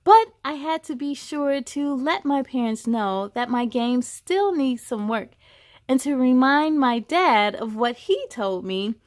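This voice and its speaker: A woman with a high voice hosts a children's read-aloud, using an expressive storybook delivery and speaking directly to young listeners.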